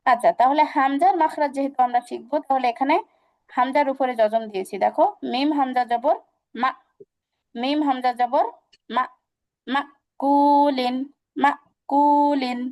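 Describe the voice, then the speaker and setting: A woman. She goes slowly, repeating each example and quizzing her students. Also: high voice, steady tone. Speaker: Quran recitation teacher. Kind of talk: online class instruction.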